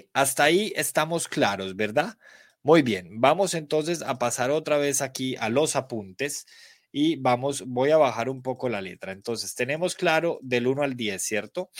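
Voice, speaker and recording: A man's voice: mid-range voice, expressive, a little slow, dry recording. A Colombian man teaching a live online English class, spelling letters aloud and praising students by name. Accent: Colombian Spanish.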